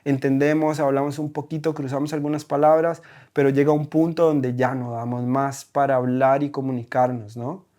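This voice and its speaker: A man with a Costa Rican accent, a German teacher talking as a guest in an interview, animated and full of rhetorical questions. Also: mid-range voice, normal speed. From Costa Rica. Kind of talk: conversational interview.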